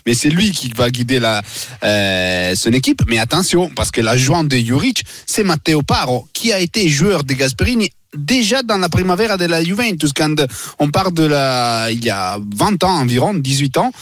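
A man's voice: on the high side, very animated, moderate pace, a bit bright, dry recording, studio quality. A man with an Italian accent giving football analysis on the radio, hesitating with many fillers.

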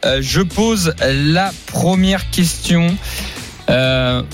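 A man's voice: on the high side, drawn-out words, faint music behind. A man hosting a live radio sports talk show, jokey and rambling, often restarting his sentences.

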